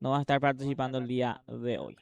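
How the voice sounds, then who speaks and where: A man's voice: medium pitch, level tone, fast talker, creaky, a little mellow. A man with a Paraguayan accent giving live match analysis as a football co-commentator.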